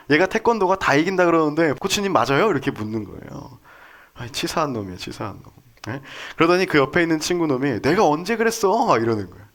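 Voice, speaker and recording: Male preacher in his 30s, animated pitch, chatty and joking with the congregation. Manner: conversational, jokey, asks the congregation questions. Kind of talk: sermon with storytelling.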